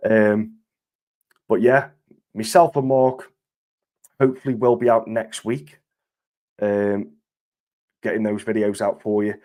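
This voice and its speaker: Casting note: male stream host, slightly low and groggy from a cold, friendly and chatty. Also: level tone, measured pace, pauses often, mellow. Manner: chatty and matey, laughing often. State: groggy voice from illness. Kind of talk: casual live-stream chat.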